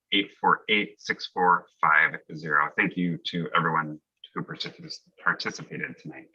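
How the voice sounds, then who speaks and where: A man's voice: sits low, sharp tone. A man politely chairing a public commission meeting over a video call. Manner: polite, procedural. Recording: dull lo-fi call audio.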